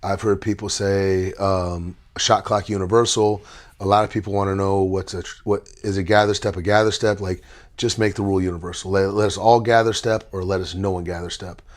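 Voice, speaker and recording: A man with a fairly low voice hosts a relaxed podcast interview. He talks in a chatty, storytelling way and turns playful now and then. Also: fairly quick. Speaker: podcast host. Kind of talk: casual interview.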